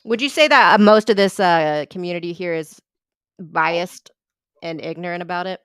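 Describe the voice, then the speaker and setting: Woman, lowish smooth voice, blunt and confrontational, dry close sound. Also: normal speed, a bit bright, no room sound. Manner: blunt, confrontational, swears often. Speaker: voice chat participant. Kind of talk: casual chat.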